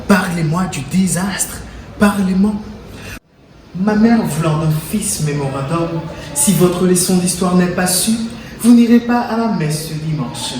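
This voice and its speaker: Young guy reciting a poem like a hammy stage actor, really slow, roomy noisy recording. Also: high-pitched. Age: teens to young adult. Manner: theatrical, hammy stage-actor delivery, deliberate. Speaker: student reciting in a reading contest. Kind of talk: declaimed poetry recitation. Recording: roomy, distant mic, clear background noise.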